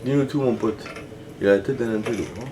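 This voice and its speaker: A man's voice: mid-range voice, fast, noisy background. A man giving casual, joking gameplay commentary and laughing at himself. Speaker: gaming let's-player.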